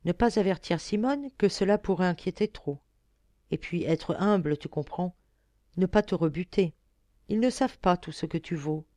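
Woman voicing a gentle young mother, softly coaxing. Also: lowish voice, moderate pace, dry recording, natural voice. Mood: tender. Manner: soft, coaxing.

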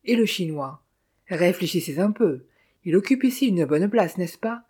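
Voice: mid-range voice, lively intonation, moderate pace, darkish tone, husky. A narrator voicing a coarse, bullying police captain who talks sarcastically and blusters. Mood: blustering. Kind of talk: audiobook character voice.

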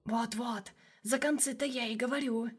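Shadow second self, hushed and snide, a touch higher; woman reader doing it. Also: steady tone, measured pace, husky. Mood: mocking. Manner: mocking, hushed.

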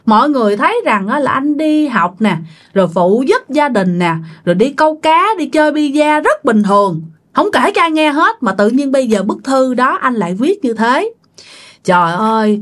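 High-voiced Southern Vietnamese woman storyteller. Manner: chatty, talks straight to listeners. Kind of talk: casual ghost story narration.

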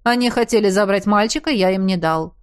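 A woman reading an audiobook, voicing a calm, stern male highlander warrior who answers curtly and without hurry. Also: clean tone, close to an everyday voice. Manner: curt and unhurried.

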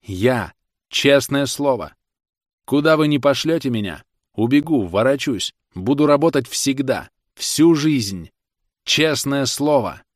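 A man's voice: medium pitch, lively intonation, takes it slowly, dry recording, studio quality, pitched above the performer's own voice. A man voicing a small defendant with a breaking voice. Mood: desperate. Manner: breaking, faltering voice. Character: small frail young male defendant, desperate.

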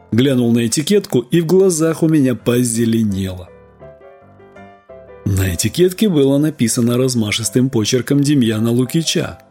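Man reading a story out loud, really expressive, voice swings a lot, soft music in the back. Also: mid-range voice. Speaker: audiobook reader. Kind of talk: scripted literary narration.

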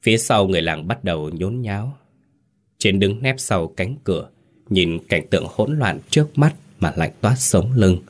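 A man's voice: deep voice, expressive, normal speed. A man narrating a ghost story in a dramatic, suspenseful reading.

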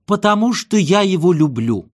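A cold, impatient wife, as a male audiobook reader puts her on, answers in short, flat, dismissive lines. The reader lifts his voice a little higher to play her, and every line stays curt. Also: normal speed. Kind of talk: comic audiobook reading.

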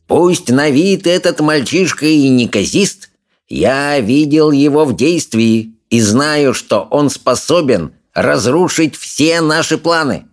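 A man's voice: fairly high pitch, expressive, takes it slowly, voice pushed up. A man doing a sneaky, spiteful villain. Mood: scheming. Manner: hissing through clenched teeth, shrieks when angry. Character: treacherous scheming male villain, fawning and spiteful.

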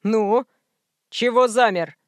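Audiobook: a woman doing a brusque male film director, curt and commanding, rather high voice. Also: slow, no room sound, clean studio sound. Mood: bossy. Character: rude bossy male low-budget film director.

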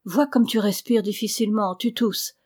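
A woman's voice: mid-range voice, fairly even intonation, moderate pace, a little mellow, natural voice. A woman reading the lines of a tender, frightened young daughter who pleads with her sick father. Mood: worried.

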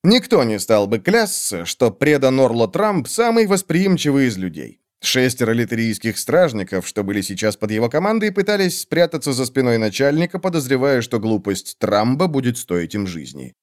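A man narrating a fantasy audiobook with an expressive reading. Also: medium pitch, moderate pace, hardly any pauses.

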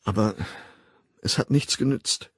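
A man reading an audiobook, voicing a tired, lovesick young woman who speaks in a subdued, low-spirited way. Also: a little slow, slightly rough, no room sound, clean studio sound. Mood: downcast. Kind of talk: audiobook character voice.

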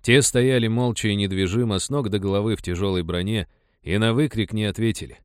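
A man narrating an audiobook in an even storytelling manner. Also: lowish voice, fairly quick, clear, resonant tone, no echo, studio quality.

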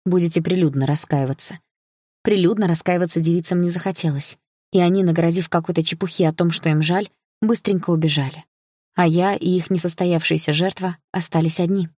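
Low-voiced woman reading an audiobook. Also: a little fast, dry recording, clean studio sound. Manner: calm, steady storytelling. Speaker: audiobook narrator. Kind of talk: first-person audiobook narration.

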